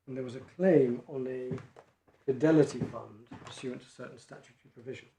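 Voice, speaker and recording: A barrister making a measured legal argument in court, reading quoted passages from judgments. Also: male voice, mid-range voice, gravelly, dark tone. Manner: measured, reads quotations from case law. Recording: echoey courtroom, faint noise.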